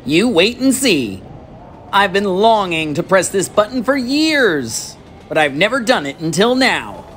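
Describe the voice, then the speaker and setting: Reader playing an eccentric storybook gentleman, gleeful, hurried, exuberant, raised animated pitch, exclamatory. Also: slight background noise. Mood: eager. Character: eccentric, cheerful, gleefully hurried man, a chocolate factory owner.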